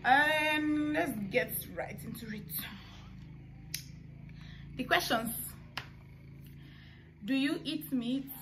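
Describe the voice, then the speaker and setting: Her voice sits high, and she speaks extremely slowly with frequent pauses. This young Nigerian-accented vlogger talks casually to the camera, answering questions with offhand asides, from the living room of a family house. Household sounds are plainly audible in the background.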